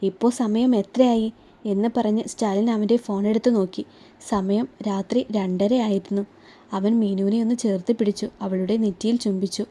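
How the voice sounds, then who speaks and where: Mellow woman reading a love story. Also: medium pitch, steady tone, moderate pace. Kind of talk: scripted narration.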